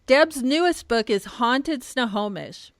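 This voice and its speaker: A woman's voice: on the high side, lively intonation, slow, dry recording, clean studio sound. A woman co-hosting a podcast, reading a scripted introduction. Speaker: podcast co-host.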